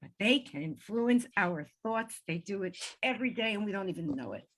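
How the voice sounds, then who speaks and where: A woman in her seventies, a guest on an interview show, telling a personal story in a lively conversational way and acting out the voices she quotes. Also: medium pitch, moderate pace, slight background noise. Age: 70s. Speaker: guest, medium.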